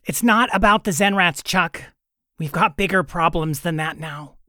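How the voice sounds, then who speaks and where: A man's voice: high-pitched, normal speed, bright, forceful tone, dry recording, studio quality, voice pushed up. A man voicing a determined woman starship leader in a storybook, speaking urgently and insistently.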